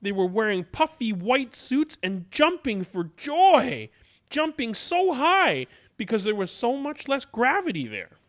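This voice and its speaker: Here a man with a very high-pitched voice reads a kids' story theatrically, lingering deliberately on his words.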